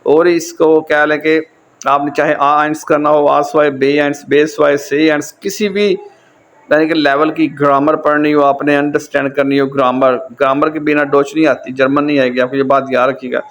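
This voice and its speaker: A man's voice: fairly high pitch, little pitch movement, a bit bright. A man with a Pakistani accent teaching a German lesson in a casual, repetitive style, going back over each point again and again. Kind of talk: casual lecture.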